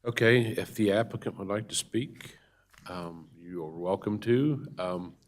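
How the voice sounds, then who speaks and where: A man with a low voice chairs a public meeting. He reads out formal procedure and drops into informal asides as he calls on people. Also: measured pace. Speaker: board chair.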